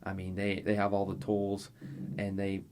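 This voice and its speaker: A man talking as a guest basketball analyst, measured and detailed. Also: deep voice, completely flat delivery, a little mellow, slight background noise. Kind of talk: sports analysis chat.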